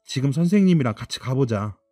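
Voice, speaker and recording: A man voicing a calm, concerned schoolteacher who breaks bad news gently in a radio drama. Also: medium pitch, fast, no room sound, studio quality, faint music behind, natural voice. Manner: careful, soothing.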